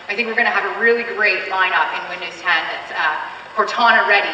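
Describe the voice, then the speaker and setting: A Canadian-accented woman, serving as keynote presenter, gives an upbeat, chatty live product demo on a large convention hall stage, using frequent fillers. Her medium-pitched voice moves quickly with a sharp tone. A distant mic in the echoey hall leaves the audio dull, with slight background noise.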